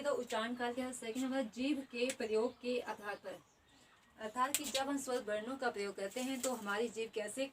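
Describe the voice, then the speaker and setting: A woman's voice: fairly high pitch, far from the mic, background noise. A woman teaching an exam-prep grammar lesson, explaining each term twice and repeating definitions.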